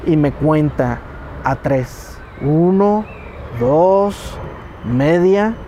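A man with a Mexican accent, a journalist, slowly recounting in short halting phrases how he was attacked. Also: on the high side, mellow, a little hiss or hum. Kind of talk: recounting a personal ordeal.

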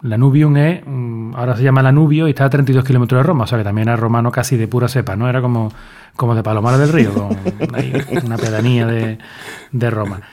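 A man from presents a history segment on a podcast. He talks in a joking, informal and chatty way, with a voice that sits in a middle pitch. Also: steady tone, fast, a little mellow. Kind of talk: casual comedic chat.

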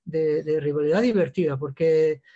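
A man with an Asturian accent, a guest on an interview, telling lively anecdotes with many halting restarts. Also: a little high, dull audio. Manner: animated storyteller, halting restarts, acts out voices in anecdotes. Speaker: actor and writer, guest. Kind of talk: casual interview chat.

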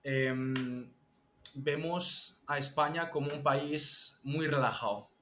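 A young man from Spain, a TikTok strategist, chatting as an interview guest and explaining things lively with examples. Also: a little high, slow, slight background noise. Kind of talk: casual interview chat. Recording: echoey room.

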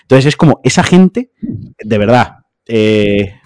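A man's voice: medium pitch, expressive, slow, a little mellow, no room sound. A man telling a story in casual podcast chat, blunt and heated, dry close mic.

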